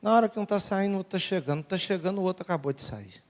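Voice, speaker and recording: A Brazilian male pastor with a high-sitting, expressive voice preaches very fast in a large church sanctuary. He tells humorous family stories and acts out the dialogue, and the recording carries a long church hall reverb.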